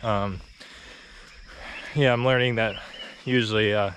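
A young adult vlogger with a lowish voice talks at a measured pace while walking uphill on a quiet rural road, slightly out of breath. He's relaxed and chatty, with lots of fillers and short laughs. He holds a phone or action camera at arm's length, and there's slight background noise.

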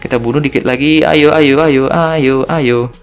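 A man's voice: fairly high pitch, fairly even intonation, unhurried, clear, resonant tone, faint music behind. A young man gives casual, joking commentary over a mobile game, tacking little tag words onto his phrases. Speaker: gaming video host.

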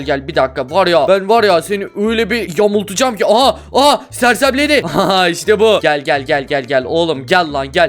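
A young man doing loud, excited commentary on a Minecraft play session, full of shouted exclamations. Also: high-pitched. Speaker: gaming YouTuber.

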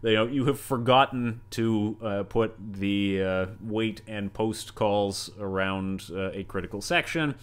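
A man's voice: fairly low pitch, unhurried, hardly any pauses, clear, resonant tone. A male university lecturer giving a recorded lecture, rambling along with many asides and everyday analogies.

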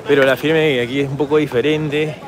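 A man with a Peruvian Spanish accent, hoarse from shouting, chatting casually to his handheld camera as he walks through a city park at night. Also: a little high, steady tone, a little fast, noisy background. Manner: chatty, rambling, talks straight to camera while walking. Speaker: travel vlogger. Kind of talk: casual walking vlog.

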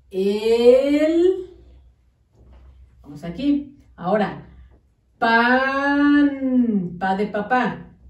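A woman teacher, dictating to young children slowly and patiently, spelling words out syllable by syllable. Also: a little high, a little mellow, far from the mic. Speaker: primary school teacher. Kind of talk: slow, patient classroom dictation. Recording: echoey room, voice off-mic.

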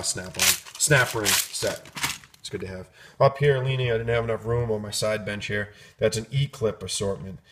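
A man casually walking through hardware kits in his garage workshop, rambling with many ums and restarts, filmed on a handheld phone. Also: lowish voice. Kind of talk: casual off-the-cuff product walkthrough. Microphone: handheld phone camera, speaker off-screen.

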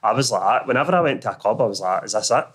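Scottish guy, glasgow street accent, talks fast, loads of slang and swearing, casual storytelling. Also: medium pitch, lively intonation, a bit bright, breathy edge. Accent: Glasgow area Scottish street accent. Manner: blunt, slangy, sweary, peppered with 'mate' and 'know what I mean'. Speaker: podcast guest. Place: small indoor podcast studio. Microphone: close studio microphone on a stand.

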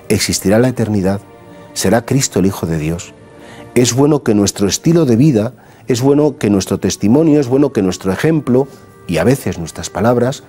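A man's voice: medium pitch, dark tone, slightly rough. A middle-aged man with a Spanish accent, a priest giving a conversational gospel homily, asking earnest rhetorical questions. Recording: faint background music.

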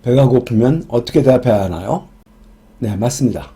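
A man explaining English grammar in a scripted lesson, reading each example sentence slowly and deliberately. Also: mid-range voice, expressive, mellow. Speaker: English teacher.

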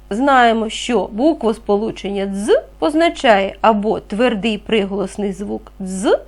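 A woman teaching a reading lesson to young children, speaking clearly and patiently, asking them questions as she goes. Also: fairly high pitch, a little mellow. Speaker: primary school teacher.

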